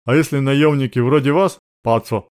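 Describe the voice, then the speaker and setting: A man voicing an older male guard boss, calm, flat and matter-of-fact. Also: medium pitch, normal speed, smooth, lightly acted.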